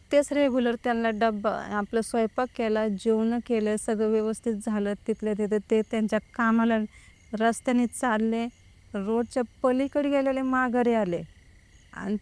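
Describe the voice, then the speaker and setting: A woman's voice: fairly high pitch, smooth, dry recording. A young woman, recounting her own experience in casual speech and quoting the people involved. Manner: retells with many quoted exchanges. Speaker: guest telling her experience. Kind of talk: casual spoken account.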